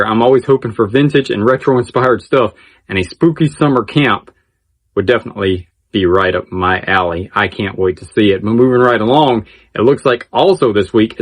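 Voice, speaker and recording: A male channel host gives casual news-style commentary in a medium-pitched voice. He is chatty and enthusiastic, often repeating a phrase to stress it.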